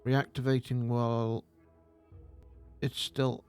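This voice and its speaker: A man's voice: mid-range voice, level tone, takes it slowly, darkish tone, clear, resonant tone, faint music behind. A man streaming a video game, talking in a goofy, playful way and tripping over words. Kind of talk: casual gameplay commentary.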